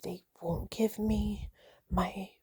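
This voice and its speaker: A woman whispering a personal vlog, nervous and shaky, halting with many fillers and restarts. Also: mid-range voice, steady tone, warm tone, slightly rough, no echo, studio quality. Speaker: vlogger.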